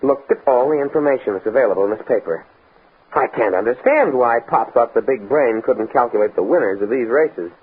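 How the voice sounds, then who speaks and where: An actor playing an earnest, stuffy young academic in an American radio drama, speaking precisely and pedantically with an American accent. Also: male voice, medium pitch, expressive, a little fast, husky, narrow, tinny audio. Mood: fascinated. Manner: precise, bookish, stammers when flustered. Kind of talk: mid-century American radio drama acting. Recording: scratchy, band-limited old radio recording with noise.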